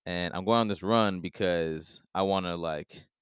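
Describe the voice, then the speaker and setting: A podcast host with a low, clear, resonant and fairly bright voice chats casually, rambling through his questions with plenty of "like" and restarts. He speaks at a measured pace, and the clean studio sound has no room echo.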